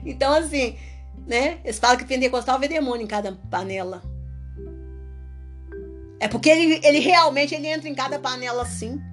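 Animated woman preaching over soft music. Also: sits high, a little fast, pauses often. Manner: lively, animated, acts out dialogue. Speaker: evangelical preacher. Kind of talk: casual religious talk.

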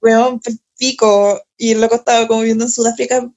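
A young Chilean woman with a Chilean Spanish accent tells a story from her own life in loose, slangy chat. Her voice sits a little high, and she swears freely. She laughs often as she goes. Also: level tone, a little fast, darkish tone. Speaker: podcast host.

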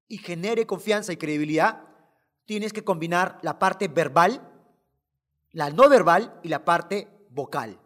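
A woman coaching public speaking in an emphatic motivational talk, full of rhetorical questions and repetition. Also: mid-range voice.

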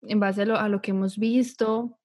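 A woman hosting a podcast, asking measured, thoughtful questions. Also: mid-range voice, fairly even intonation, darkish tone. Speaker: podcast host. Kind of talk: interview conversation.

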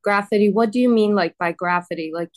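Brisk and mid-range, the voice comes from an Iranian woman whose first language is Persian, appearing as an artist guest in an interview. She answers hesitantly, laughs often, and fills her speech with "um" and "like".

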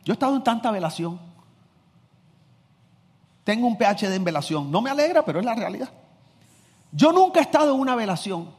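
A pastor with a fairly high, husky voice preaches in a sing-song manner, a little fast with frequent pauses, swinging between loud, driving emphasis and low, confiding asides while acting out little scenes. A long church-hall reverb surrounds him.

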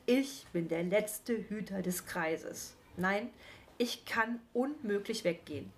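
A woman's voice: mid-range voice, slow pace, a little hiss or hum. A woman voicing a grumpy old male gnome who guards a forest and frets over his children, grumbling and cursing under his breath. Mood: exasperated.

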